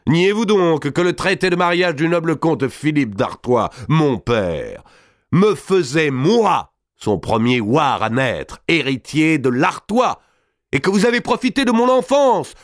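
A man voicing a furious young noble man who loudly and indignantly claims his inheritance before a king. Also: sits high, sing-song, slow, hardly any pauses, no room sound, studio quality, voice pushed up, full character voice. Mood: indignant, declaiming. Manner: loud, indignant declaiming.

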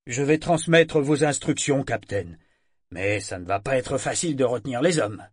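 A man voicing a loyal, rough pirate first mate in an audiobook. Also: mid-range voice, expressive, moderate pace, dry recording, studio quality. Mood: earnest. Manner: shouts orders loudly.

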